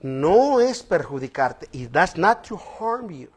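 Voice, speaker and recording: Man, bishop preaching, bilingual sermon, high-pitched, animated. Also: takes it slowly, slightly rough. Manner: switches between Spanish and English, animated with laughs.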